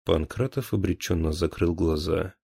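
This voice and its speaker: A man narrates an audiobook in an even, measured way. His voice is very low and dark in tone. The recording is dry and close, with no room sound. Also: creaky, breathy edge, no room sound.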